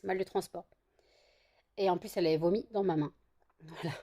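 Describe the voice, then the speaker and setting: Chatty woman with a mellow voice. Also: on the low side, fairly even intonation, brisk. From France. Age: 30s. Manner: chatty, rambling with many fillers and restarts; cooing baby talk to her pets. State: out of breath from the heat. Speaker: vlogger. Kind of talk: casual vlog chat.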